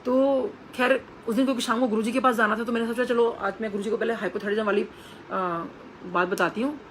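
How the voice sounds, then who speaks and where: A woman's voice: on the high side, steady tone, quick pace, a bit bright, a little hiss or hum, rough recording. A woman telling an earnest personal testimony to a congregation, acting out the voices of the people she quotes. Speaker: devotee sharing a testimony.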